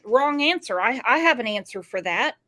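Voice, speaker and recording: A woman's voice: a little high, lively intonation, normal speed, bright, forceful tone. A woman giving casual true crime commentary in a blunt, sarcastic way.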